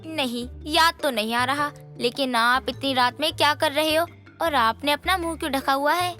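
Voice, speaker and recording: A rude young daughter-in-law with a bright, sharp, high voice, blunt and snippy in a cartoon story. Light music plays softly behind. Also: female voice, normal speed. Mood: curious. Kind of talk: animated story dubbing.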